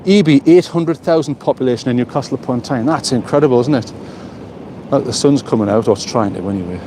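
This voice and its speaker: A mid-range, dark male voice speaks at a quick clip as a North East English vlogger wanders a seaside pier on a live walking stream. He rambles on to viewers, repeating words as he thinks, and the little phone mic carries some slight background noise.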